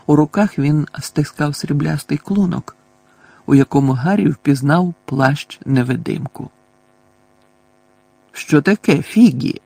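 A man narrating a fantasy audiobook in steady storytelling delivery. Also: medium pitch, creaky, no room sound, rough recording.

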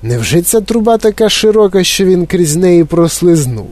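A man's voice: fairly high pitch, animated, moderate pace, a little mellow, dry recording, pitched above the performer's own voice. A man voicing a flustered, blustering father in a storybook reading. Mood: puzzled. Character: flustered stout father, middle-aged man.

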